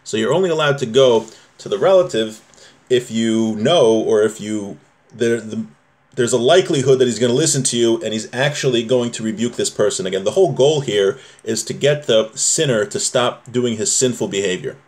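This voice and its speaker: With a medium-pitched voice at a moderate pace, a man reads a source in an informal religious law class. He explains it piece by piece, conversational and full of rhetorical questions.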